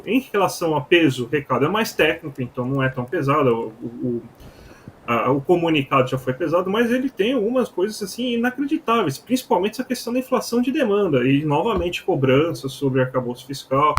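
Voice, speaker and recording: A man commenting on economic news on a live news show, talking in an animated, emphatic way with many fillers and restarts. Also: a little high, a little hiss or hum.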